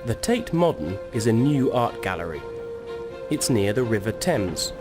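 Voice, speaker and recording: A man narrating an English lesson in a clear, deliberate, scripted way, repeating each sentence. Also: on the low side, big pitch swings. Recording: narration over loud music.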